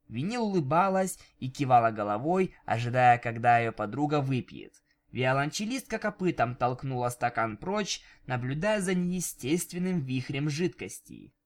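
A man narrating a fan-fiction audiobook with expressive storytelling. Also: medium pitch. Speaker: audiobook reader.

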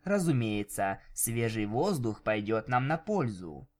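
A man voicing a prim, earnest young female pony cellist in a fan-fiction audiobook, speaking in a measured, polite way. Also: on the low side, sing-song.

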